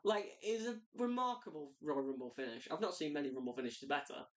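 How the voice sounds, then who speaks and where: A woman giving a casual, excitable review of a wrestling event, rambling with lots of "like" fillers. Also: deep voice, fast talker.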